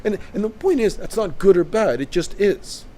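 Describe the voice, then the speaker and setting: A man's voice: sits high, lively intonation, normal speed, mellow. A Canadian man in casual discussion, arguing his point emphatically and often checking in with "right?". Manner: emphatic, interjects with repeated "right?". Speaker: co-host.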